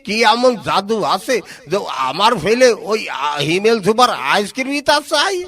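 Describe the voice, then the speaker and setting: Man acting a flustered Bangladeshi grandpa, high-pitched. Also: lively intonation, moderate pace, a bit bright. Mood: flustered, plaintive. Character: flustered grandfather pleading about his upset wife. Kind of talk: comic advertisement skit.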